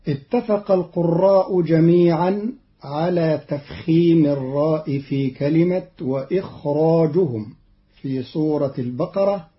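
A man giving a scripted radio explanation of Quran readings, in a slow, measured and formal way. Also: on the high side. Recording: dull lo-fi archive radio recording.

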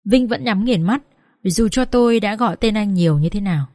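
A woman's voice: mid-range voice, fairly quick, dry recording, studio quality. A woman reading a first-person social drama aloud, acting out tearful, pleading dialogue. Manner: expressive, acts out sobbing pleas. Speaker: audiobook reader.

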